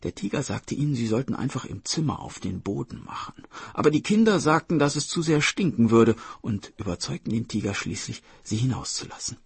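A man narrating a folk tale in an expressive, dramatic storybook reading. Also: medium pitch, a little fast, vocal fry, slightly rough, dry recording.

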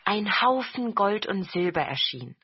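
Woman, slow storybook reading, lowish voice, dull lo-fi sound, faint music. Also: big pitch swings, very noisy. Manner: slow and deliberate. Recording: dull lo-fi recording.

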